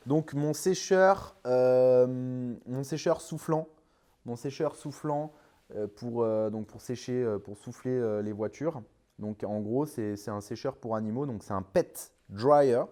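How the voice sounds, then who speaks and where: A man's voice: medium pitch, slow pace, dark tone. A man hosting his car detailing channel, answering viewer questions in a casual, hesitant way with many fillers and restarts. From France. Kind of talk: casual vlog Q&A.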